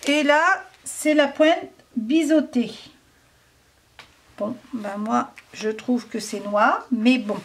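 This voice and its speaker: A woman's voice: on the high side, slow. A French woman casually reviewing craft markers, chatty and hesitant, thinking aloud with many fillers.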